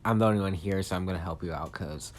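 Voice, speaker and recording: A man's voice: deep voice, close to an everyday voice. A man voicing an eager young male hero who rambles in a rush. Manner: rushed, eager rambling with fillers.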